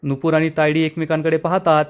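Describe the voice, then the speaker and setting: A man narrating a recap of a TV serial episode in a steady storytelling way. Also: fairly high pitch, fast talker, smooth.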